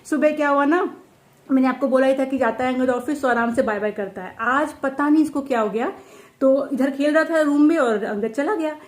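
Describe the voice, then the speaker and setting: A woman's voice: high-pitched, a little fast. A young mother chatting casually in a home vlog, switching into playful baby talk with her toddler. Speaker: vlogger and mother. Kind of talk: casual family vlog chat. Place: home indoors.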